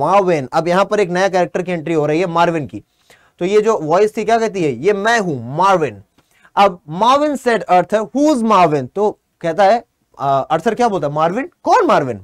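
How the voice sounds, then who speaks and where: Guy teaching for exams, reads slow then explains, kinda high voice, dry close sound. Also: no echo. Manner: addresses students directly, asks and answers his own questions; reads English lines slowly, then explains them in Hindi. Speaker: English teacher. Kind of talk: exam-prep lesson, reading and explaining a passage.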